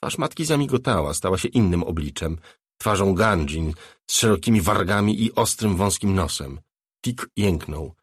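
Low-voiced male audiobook narrator. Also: expressive, normal speed, breathy edge, no echo, studio quality. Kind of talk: scripted narration.

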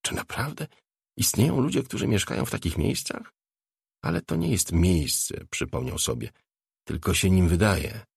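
A man narrates an audiobook in a calm, measured way. His voice is low, gravelly and husky. The recording is dry and close, with no room sound. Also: no room sound. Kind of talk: scripted narration.

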